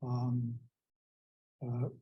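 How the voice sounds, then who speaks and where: A man from Hungary with a Hungarian accent, speaking as a relative at a memorial, hesitant, with frequent "uh" pauses, into a microphone. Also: mid-range voice, completely flat delivery, lo-fi sound. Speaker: relative giving remarks. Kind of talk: spoken memorial remarks. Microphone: microphone at a gathering.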